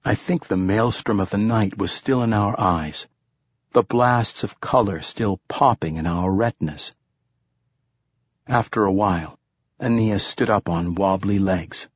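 Brief: male audiobook narrator, low husky voice, dry close recording, measured pace. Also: no echo. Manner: steady, measured storytelling.

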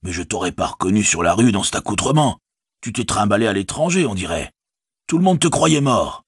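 Brief: man voicing a hearty hobbit farmer for a storybook, husky, lively delivery. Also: on the low side, a little fast, no echo, clean studio sound, pitched above the performer's own voice, heavily acted. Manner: blunt, folksy. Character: gruff middle-aged male hobbit farmer, hearty. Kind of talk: audiobook reading.

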